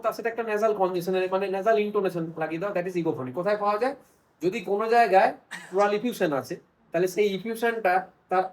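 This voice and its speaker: A man's voice: sits high, low-quality recording. A man teaching children's medicine at a hospital bedside, explaining in a casual way and asking and answering his own questions. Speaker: paediatrics teacher.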